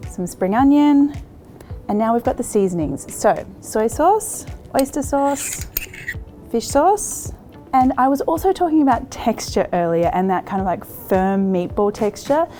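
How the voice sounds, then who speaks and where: A warm, fairly high-pitched female voice, a little slow, guides viewers through a recipe with soft music in the background. The host is an Australian woman in her thirties whose cooking demonstration is easygoing and encouraging, with plenty of laughter.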